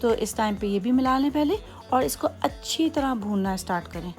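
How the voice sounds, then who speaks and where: A woman's voice: fairly high pitch, animated, moderate pace, a little mellow, faint music behind. A woman with a Hyderabadi accent hosting a home cooking tutorial, chatty and patient as she explains each step with many asides. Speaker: cooking channel host.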